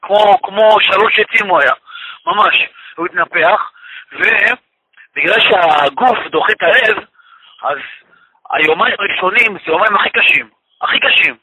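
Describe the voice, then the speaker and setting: Male storyteller, high-pitched and raspy, earnest religious testimony with emphatic repetition. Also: pauses often, bright, forceful tone, no echo, poor audio. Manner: repeats phrases for emphasis; religious expressions woven into speech. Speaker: guest telling a personal story. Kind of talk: emotional personal testimony.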